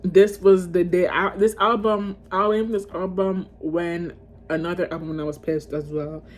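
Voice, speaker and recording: A woman's voice: lowish voice, fairly even intonation, moderate pace, slight background noise. A woman vlogging casually to camera, ranking music in a chatty, emotional way and calling her viewers y'all.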